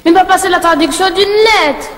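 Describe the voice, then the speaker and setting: A man doing a squeaky Martinican schoolgirl. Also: fairly bright tone, big-room sound. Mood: pleading. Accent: Martinican French. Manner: squeaky, quick falsetto. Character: young schoolgirl daughter, earnest.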